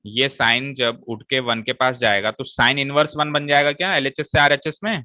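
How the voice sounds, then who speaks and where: Male maths teacher, bright forceful voice, walks students through each step, dry close recording. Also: medium pitch, fairly even intonation, moderate pace, dry recording, low-quality recording. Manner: explains step by step and checks with students. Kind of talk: classroom maths lesson.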